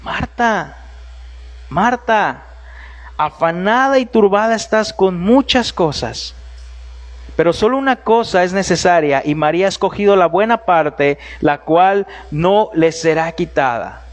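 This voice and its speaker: Preacher voicing tender calm man, gentle, measured, hushed and soft, scripture quotation. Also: high-pitched.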